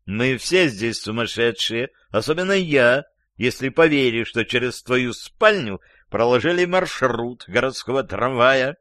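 Мужчина изображает язвительного ревнивого любовника. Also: male voice, medium pitch, animated, measured pace, a bit bright, no room sound, clean studio sound. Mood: mocking, angry. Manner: sarcastic, gloating. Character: angry mocking man, jealous lover.

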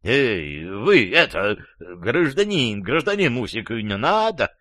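A man's voice: lowish voice, animated, moderate pace, a bit bright, dry recording, clean studio sound. A man voicing a meek, bewildered middle-aged man in a read-aloud story. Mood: meek, confused. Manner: timid, hesitant.

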